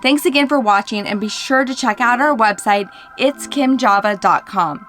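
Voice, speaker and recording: A woman's voice: fairly high pitch, moderate pace, fairly bright tone, faint music behind. A woman hosting a car vlog, narrating in an upbeat, sincere way. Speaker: vlog host. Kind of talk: scripted narration.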